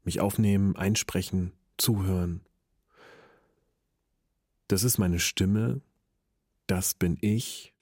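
A man speaking slowly and deliberately in an experimental spoken sound piece, repeating short phrases about his voice. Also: low voice, fairly even intonation, darkish tone, no echo, studio quality. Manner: slow, repetitive, deliberate phrasing. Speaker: voice artist.

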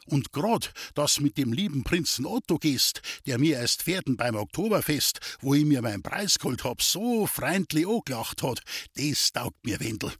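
A man's voice: on the high side, very animated, normal speed, few pauses, husky, no room sound, clean studio sound, heavily acted. A man voicing a good-natured old farmer and proud father with a Bavarian accent, talking in a rambling way. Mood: reminiscing. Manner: warm-hearted, rambling.

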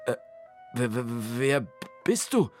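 A man's voice: medium pitch, very animated, a little slow, soft background music. A man voicing an indecisive, fussy grown man in a children's radio story, speaking in a hesitant, stammering, whiny way.

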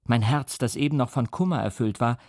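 A man reading a classic novel aloud as calm, measured first-person audiobook narration. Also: medium pitch, no room sound, clean studio sound. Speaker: audiobook reader.

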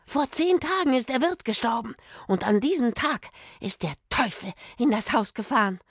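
A woman's voice: fairly high pitch, animated, normal speed, gravelly, dry recording, clean studio sound, voice pushed up. A woman voicing a fearful, superstitious old village woman who hisses urgent warnings, in a children's audio story. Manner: hissing, urgent and imploring.

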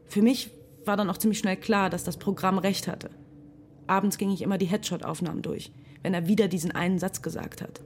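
A woman's voice: mid-range voice, fairly even intonation, fairly quick, background noise, lightly acted. An actress playing Deirdre, a thoughtful young woman narrating a sci-fi radio drama. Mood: reflective. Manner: quiet, thoughtful, restrained.

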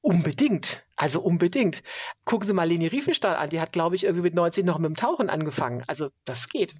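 Brief: fast-talking woman, 50s, storytelling guest, dry and slightly dull recording. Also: on the low side, expressive, darkish tone, breathy edge, dry recording. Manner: brisk, chatty storyteller, acts out quoted people. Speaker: guest, long-distance hiker and author. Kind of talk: casual interview chat.

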